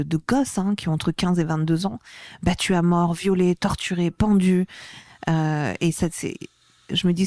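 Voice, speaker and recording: Woman, lower register, impassioned guest, dead-dry studio mic. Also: a little mellow, dry recording. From France. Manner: passionate, grows heated and emphatic. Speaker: activist guest. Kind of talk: interview conversation.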